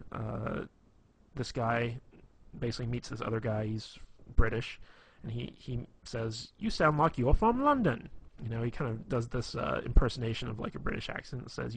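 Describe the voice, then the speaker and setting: A man's voice: medium pitch, a little hiss or hum. A man explaining how to be funny with girls in a loose, rambling tutorial, full of fillers and restarts. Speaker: dating advice instructor. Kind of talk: casual tutorial talk.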